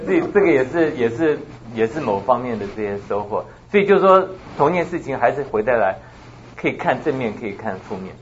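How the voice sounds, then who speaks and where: Booming, fast-talking male class teacher. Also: lo-fi sound, a little hiss or hum. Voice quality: booming, loud voice. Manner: lively, quick, mixes in English words. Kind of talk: casual class talk.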